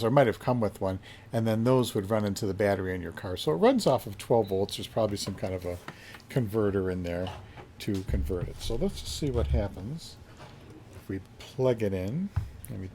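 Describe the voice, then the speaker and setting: This reseller's voice is fairly low and somewhat dark as he looks over a vintage find indoors in a basement. He thinks out loud through a relaxed, hands-on demo, with faint noise in the background.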